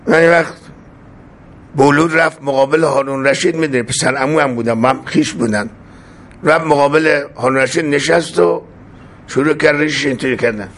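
A storyteller with a fairly high, slightly bright voice tells a folk tale informally. His folksy, colloquial telling is full of asides.

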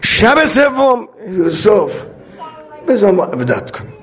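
Male preacher, very high voice, humorous storyteller who acts out the characters. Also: big pitch swings, fairly bright tone. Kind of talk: religious sermon with storytelling.

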